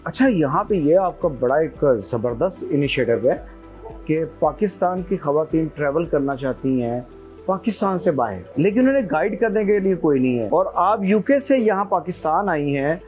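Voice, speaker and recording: A man hosting an interview, asking questions in a measured way with some hesitation. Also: on the high side, animated, darkish tone, faint music behind. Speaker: interviewer, host.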